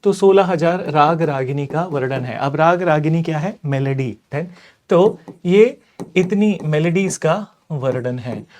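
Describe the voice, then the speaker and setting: A man's voice: on the high side, a little mellow. A male teacher giving an exam-prep lecture, explaining step by step, often checking in with "okay," and mixing English terms into his talk. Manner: mixes English terms into Hindi; slows down and speeds up on purpose to demonstrate.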